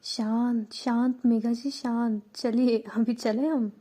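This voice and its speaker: A woman voicing a young woman who calms down her angry friend in a soothing, coaxing way. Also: on the high side, slow.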